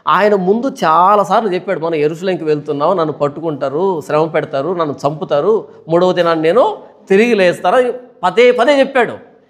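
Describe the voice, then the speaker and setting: Male pastor, high-pitched, animated teaching sermon full of rhetorical questions. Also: brisk. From India. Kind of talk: Bible study sermon.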